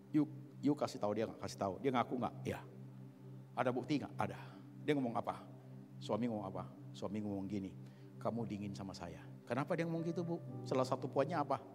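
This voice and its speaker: Animated preacher in a big hall. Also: male voice, mid-range voice. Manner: animated, mixes English words, swings from loud to soft. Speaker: pastor. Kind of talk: sermon. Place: large auditorium with long reverb.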